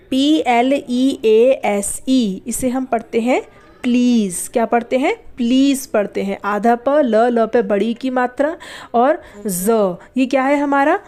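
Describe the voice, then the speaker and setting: A young woman teaching a beginner English lesson, spelling each word out slowly and answering her own questions. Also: a little high, warm tone. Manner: patient, spells words letter by letter, asks and answers own questions. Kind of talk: spoken language lesson.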